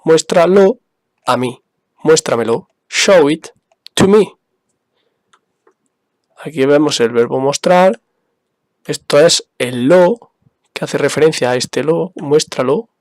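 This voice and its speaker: Guy teaching english basics real slow, patient, repeats stuff, dry close sound. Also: a little high, dry recording. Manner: patient, spells out examples and repeats them. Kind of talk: slow, careful explanation for beginners.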